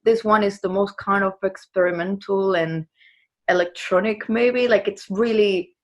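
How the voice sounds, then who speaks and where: A woman singer-songwriter in a band is being interviewed and chats casually in a loose, conversational manner. Her voice sits in the mid range, with a steady tone and normal speed.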